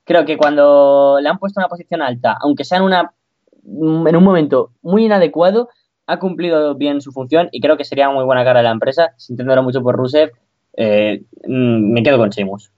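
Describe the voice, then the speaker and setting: A man co-hosting a casual podcast, relaxed and opinionated, who swears casually. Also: on the high side, a little fast. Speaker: podcast co-host. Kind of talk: casual wrestling podcast chat. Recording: slightly dull, lo-fi sound.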